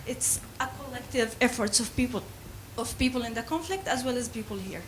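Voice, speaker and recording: A woman's voice: a little high, brisk, slight background noise, poor audio. A woman from Gaza, Palestine, asking earnest, pointed questions from the audience at a panel.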